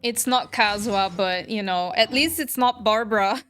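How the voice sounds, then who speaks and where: A woman with a medium-pitched, fairly bright voice talks at normal speed, with slight background noise in the recording. She's streaming a game, casually chatting and reacting to viewer comments, with music behind her.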